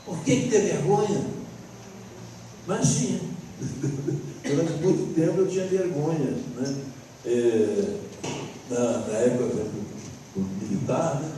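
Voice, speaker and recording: A man's voice: on the high side, a little slow, pauses often, warm tone, a little hiss or hum. A middle-aged man with a Brazilian Portuguese accent gives a spiritist lecture in a folksy way, often ending with tag questions. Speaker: spiritist speaker. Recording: roomy, distant hall recording.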